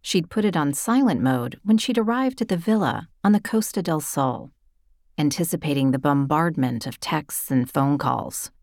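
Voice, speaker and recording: A woman reading a novel aloud in a measured storytelling manner. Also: on the low side, a little mellow, no room sound, clean studio sound. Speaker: narrator. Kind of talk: scripted narration of a novel.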